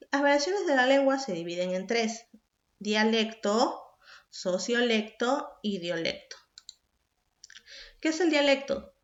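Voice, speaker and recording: A woman from Peru, a secondary school teacher explaining a recorded class and speaking directly to the student with questions. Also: on the high side. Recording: echoey room, dull lo-fi sound.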